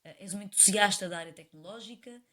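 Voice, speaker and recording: A woman's voice: medium pitch, quick pace, fairly bright tone. Portuguese woman hosting a podcast. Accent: European Portuguese. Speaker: podcast host. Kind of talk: podcast interview.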